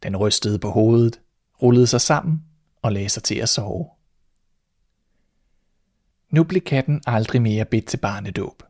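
A man reading a fairy tale aloud in a calm, measured storytelling voice as host of his podcast. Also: fairly low pitch, dry recording, studio quality.

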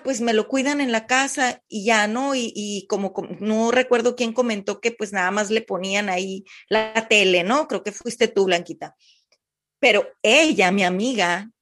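A woman hosting a podcast, chatting casually and sharing a story from a friend. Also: mid-range voice. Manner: chatty, loose, with restarts and fillers. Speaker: podcast host.

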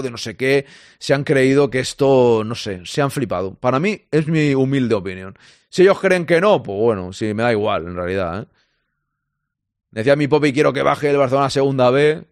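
A man's voice: medium pitch, no room sound, studio quality. A man from Spain hosting a casual live football chat, reading out and answering listener comments.

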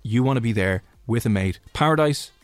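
An Irish man presents on the radio in an informal, chatty style, talking listeners through competitions and prizes. His pitch sits in the middle for a man, and the sound is close and dry. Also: expressive, fairly quick, no echo, faint music behind. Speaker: radio host.

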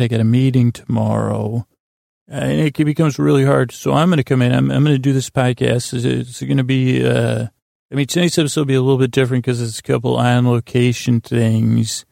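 Rambling at bedtime for his sleep podcast, a middle-aged man speaks in a steady, creaky, warm mid-range voice. The monologue is hesitant, self-deprecating and drily whimsical, with plenty of pauses and tangents that go nowhere, recorded cleanly in a studio with no echo.

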